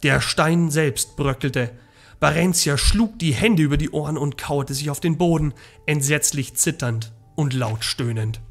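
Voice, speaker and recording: A man's voice: a little high, unhurried, faint music behind. Man reading a story aloud dramatically. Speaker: let's play narrator.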